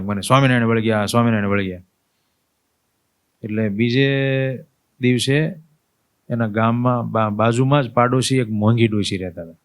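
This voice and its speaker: Monk telling a devotional story. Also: male voice, medium pitch. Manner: storytelling, acts out the old woman's cries and dialogue; asks listeners rhetorical questions. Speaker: swami giving a religious discourse. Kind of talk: sermon.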